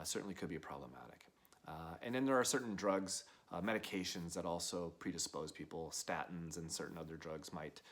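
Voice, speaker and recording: A middle-aged man with a deep, low voice explains a health topic informally to the camera. He is a gym owner and coach who talks calmly and plainly, often pausing on filler sounds. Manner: calm, plain-spoken, frequent uh fillers.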